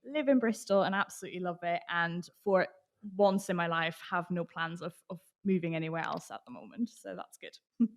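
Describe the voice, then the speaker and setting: A woman from Austria with a British accent chats casually as a podcast guest in an interview. She works in marketing and speaks at a normal speed in a lowish voice.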